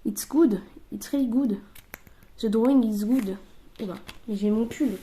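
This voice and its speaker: A young woman streaming from a table at home, chatting casually while opening card packs and slipping into halting English. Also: a little high, mellow. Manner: chatty, thinking aloud, switching into halting English.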